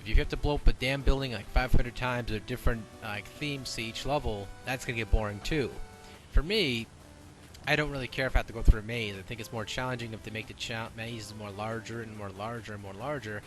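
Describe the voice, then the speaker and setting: A man hosting a relaxed podcast, talking in a blunt, opinionated way and cursing without a second thought. His voice sits at an ordinary middle pitch, and music plays clearly in the background. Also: low-quality recording. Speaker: podcast host. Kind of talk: casual podcast chat.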